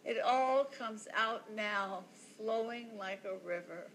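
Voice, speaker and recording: An actress playing a cryptic mystic woman from a television series, speaking in slow riddles over faint background ambience. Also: mid-range voice, fairly bright tone, slight background noise, low-quality recording.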